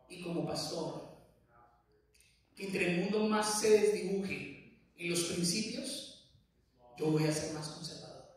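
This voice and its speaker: A man's voice: high voice, distant mic. A middle-aged man preaching as a pastor in a church hall, with emphatic, building repeated phrases. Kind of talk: sermon. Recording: very echoey hall from afar.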